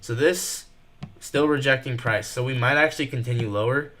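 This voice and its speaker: A nervous young man giving fast live commentary while trading, thinking out loud and rushing his words. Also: medium pitch, slight background noise. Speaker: day trader streaming live.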